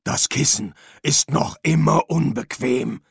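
An actor playing Death, a solemn skeletal figure, in a radio play, with a slow, grave, husky voice. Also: male voice, a little high, dry recording, exaggerated voice. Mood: stiff. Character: Death, a skeletal solemn male being posing as Hogfather. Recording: dry studio recording.

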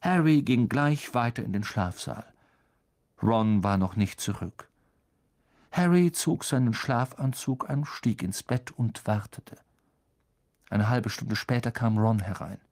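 Slow, calm male audiobook reader. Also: medium pitch. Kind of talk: audiobook narration.

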